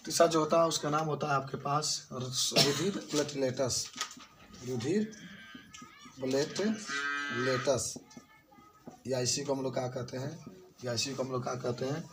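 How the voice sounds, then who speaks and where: A man's voice: medium pitch, fairly even intonation, moderate pace, very noisy. Chatty male teacher. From eastern Uttar Pradesh, India. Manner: colloquial, keeps quizzing students and answering himself. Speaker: biology teacher. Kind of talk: classroom lecture.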